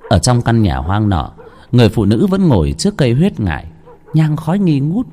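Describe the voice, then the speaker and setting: A man's voice: medium pitch, huge pitch swings, fairly quick, warm tone. Guy telling a horror story, super dramatic, voice jumps all over. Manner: dramatic, swooping delivery.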